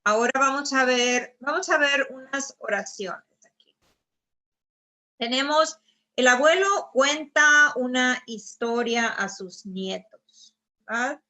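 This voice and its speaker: A woman's voice: high-pitched, slow, long pauses, pushed and bright. A woman teaching a grammar lesson over slides. She explains patiently and keeps checking with her students. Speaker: Spanish teacher.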